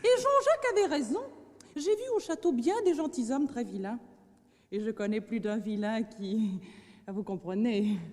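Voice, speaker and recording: A woman's voice: on the high side, expressive, normal speed, darkish tone, natural voice. A woman playing a giddy flirtatious countess. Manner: coquettish, sing-song, affected. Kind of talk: 1960s radio operetta dialogue. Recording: reverberant radio studio recording.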